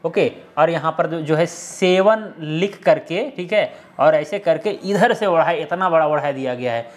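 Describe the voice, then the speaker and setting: A man's voice: on the high side, measured pace. A man explaining a script lesson step by step, often checking in with the viewer. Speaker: teacher.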